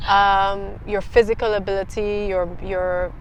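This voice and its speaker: A woman's voice: medium pitch, little pitch movement, measured pace, dull audio, a little hiss or hum. A woman from Barbados with a Barbadian accent, hosting an interview and affirming her guest often. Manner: warm affirming, frequent "right" and "mm-hmm". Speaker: host.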